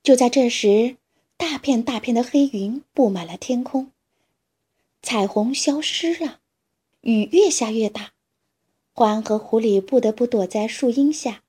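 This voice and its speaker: Female storyteller for children, unhurried and soft, slightly husky. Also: a little high. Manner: slow, gentle and warm storytelling.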